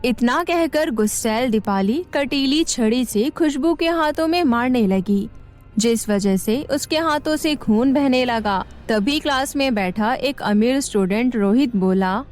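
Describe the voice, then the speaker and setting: A woman narrating a cartoon story in a steady, scripted storytelling manner. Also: a little high, measured pace, soft background music.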